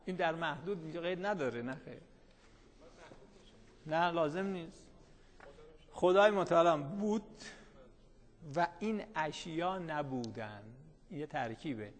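A man's voice: fairly high pitch, pauses often, in a large hall. A man teaching a class who reads a line of the text, then explains it in everyday speech, often asking the students questions and answering them himself. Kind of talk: classroom lecture.

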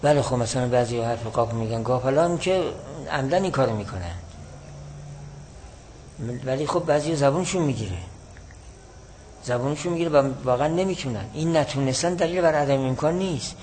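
Male teacher, mid-pitched, measured and explanatory, repeats points, faint noise behind. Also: lively intonation, a little mellow, low-quality recording. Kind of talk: classroom lecture explaining a classical text.

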